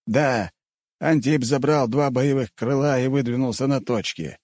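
A man's voice: medium pitch, a little slow, a little mellow, no echo, studio quality, pitched above the performer's own voice, lightly acted. A man voicing a sardonic male rector in an audiobook, speaking in curt, mocking replies.

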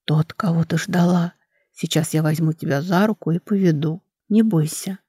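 A menacing male fire mage , put on by a woman reading the book, speaks in a hoarse, coaxing whisper, low and close. The audiobook voice sits dry against a quiet background. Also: moderate pace, no echo.

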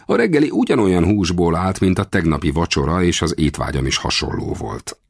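A man reading a first-person adventure novel as an audiobook, expressive and lifting his voice for shouted dialogue. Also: deep voice, gravelly, husky, no room sound, studio quality. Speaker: audiobook narrator.

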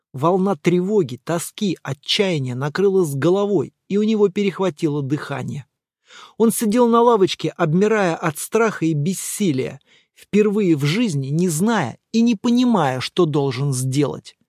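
Expressive audiobook narrator, very lively. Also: mid-range voice, no echo, studio quality. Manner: expressive, dramatic reading.

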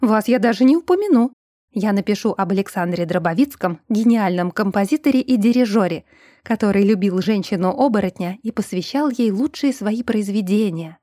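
A woman's voice: medium pitch, expressive, moderate pace, dark tone, no echo, clean studio sound, lightly acted. Elsa, a woman reading a blunt young woman. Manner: blunt, matter-of-fact.

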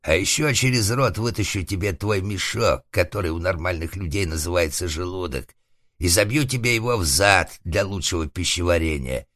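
Audiobook figure: a man playing a rough, foul-mouthed old organ grinder, raised and hard, in a dry close recording. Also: sits low, moderate pace, a bit bright, dry recording. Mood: threatening. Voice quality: rough, threatening, coarse-spoken. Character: old male organ grinder, crude and vengeful.

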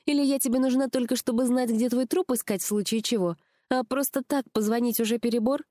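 A woman's voice: on the high side, fairly even intonation, fairly quick, dark tone, dry recording, clean studio sound, voice pushed up, lightly acted. A woman reading an audiobook, voicing a talkative, teasing young female friend. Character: chatty, nosy young woman friend on the phone.

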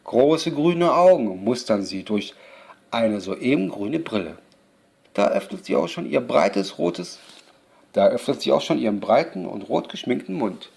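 Man reading a storybook aloud: slow, gravelly, stumbles and self-corrects. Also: medium pitch, sing-song, darkish tone. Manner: unpolished, restarts and laughs at his own slips. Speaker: podcast host reading a children's story.

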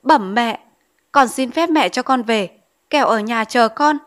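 A woman's voice: a little high, lively intonation, unhurried, fairly bright tone. A woman voicing a young grieving bride who pleads plaintively. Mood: pleading.

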